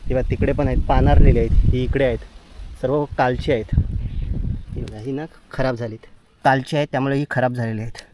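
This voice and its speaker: A man's voice: mid-range voice, steady tone, brisk, background noise. Man with a Konkan Marathi accent, foraging outdoors. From Konkan, India. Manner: repetitive pointing-out, walking while talking. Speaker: vlogger foraging wild mushrooms. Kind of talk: casual walking vlog narration. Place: outdoors in forest and fields.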